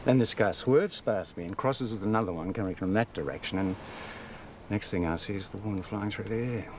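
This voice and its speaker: An actor with an Australian accent playing a male witness giving a rushed, anxious account in a television drama. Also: fairly low pitch, close to an everyday voice. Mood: shaken. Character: male court worker recounting a hit and run. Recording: distant TV dialogue with street noise.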